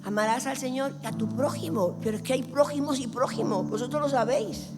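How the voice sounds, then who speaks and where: A woman's voice: high voice, brisk. Woman preaching in a reverberant church. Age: 60s. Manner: emphatic, swings between loud and hushed; acts out little dialogues in other voices. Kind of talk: sermon. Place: church hall. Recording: long church reverb with music behind.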